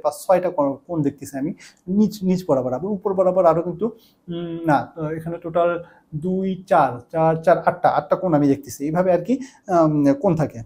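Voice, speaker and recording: A man's voice: on the high side, mellow. A man teaching an online math lesson indoors, explaining with everyday examples and often checking in with the listener. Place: indoor room.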